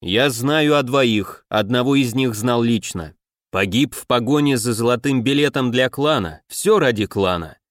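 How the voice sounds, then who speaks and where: A man voicing a calm, commanding half-orc king and captain in an audiobook. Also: mid-range voice, moderate pace, no echo, clean studio sound, lightly acted. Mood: grave.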